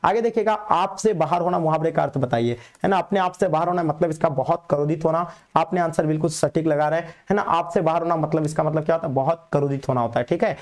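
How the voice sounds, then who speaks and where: A man teaching an exam revision lesson, quizzing students in a brisk, repetitive way and calling them "babu". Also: fairly high pitch.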